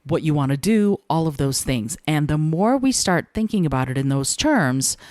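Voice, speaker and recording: Woman host, low voice, dry close mic, measured and deliberate delivery for a solo podcast. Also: animated, darkish tone, no echo. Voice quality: low speaking voice. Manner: measured and deliberate, with thoughtful pauses. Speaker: podcast host and communication coach.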